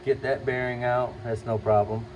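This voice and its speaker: A man's voice: medium pitch, flat delivery, moderate pace, a little mellow, slight background noise. A man casually narrating his own truck axle repair in a workshop vlog, talking to himself as he works. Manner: muttering to himself while working. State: out of breath. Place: garage workshop, partly outdoors in wind.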